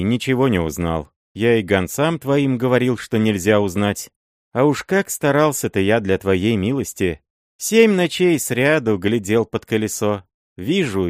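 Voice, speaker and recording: A man's voice: fairly low pitch, dry recording, studio quality. A man voicing a crafty, fawning old male miller and sorcerer who wheedles and scrapes in an audiobook.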